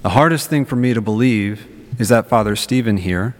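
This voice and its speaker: A man's voice: fairly low pitch, moderate pace, slight background noise. A man speaking as a priest at church, reading scripture and preaching in a reflective way, with long cathedral-like echo around his voice. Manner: reflective, informal, rhetorical questions. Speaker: priest giving a homily. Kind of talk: Gospel reading and conversational sermon. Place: large reverberant church.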